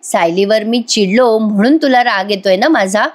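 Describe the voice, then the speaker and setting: A woman's voice: medium pitch, normal speed, close to an everyday voice. A woman voicing a teasing, pushy middle-aged husband who keeps questioning his wife.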